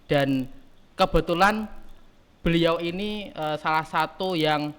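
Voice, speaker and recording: A man in his early twenties, a student leader answering podcast questions in a halting way, often pausing to search for words. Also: fairly high pitch, fairly bright tone, clean tone. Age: early 20s. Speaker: guest, student council chairman. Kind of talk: casual podcast interview.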